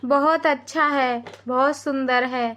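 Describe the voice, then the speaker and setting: A woman voicing a gentle, grateful young woman who has lost her memory, talking softly, politely and earnestly in a cartoon. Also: high-pitched, steady tone, slow pace, a little hiss or hum. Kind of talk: cartoon voice acting.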